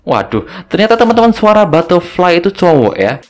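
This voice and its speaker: A man's voice: sits high, big pitch swings, brisk, very noisy. A young man gives casual, joking commentary over a mobile game, tacking little tag words onto his phrases. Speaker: gaming video host.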